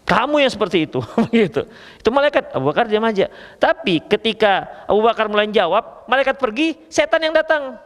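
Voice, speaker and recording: Male preacher, Medan accent, playful lecturing, high lively voice, echoing hall. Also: a little fast. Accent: Medan Indonesian. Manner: lively, joking, addresses listeners as ikhwah. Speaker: Islamic preacher. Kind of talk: religious lecture.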